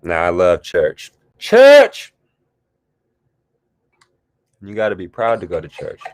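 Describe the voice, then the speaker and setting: A man hosting a guided group talk, speaking in a calm, drawn-out, reflective way with sighs. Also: low voice. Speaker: host leading a guided discussion. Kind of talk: slow meditative guided talk.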